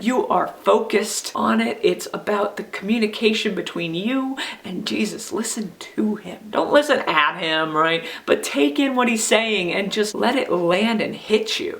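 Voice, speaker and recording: A woman's voice: mid-range voice, vocal fry. A woman giving a playful children's Bible lesson, upbeat and talking straight to young viewers. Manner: upbeat, playful, talks to a dog. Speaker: Sunday school teacher. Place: church video recording.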